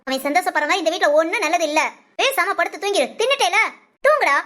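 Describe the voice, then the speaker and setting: A bitter young mother who scolds and complains nonstop, played by a woman. Her voice is high and bright, and her nagging comes fast and cutting in a homespun short drama. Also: very animated, heavily acted. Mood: scolding.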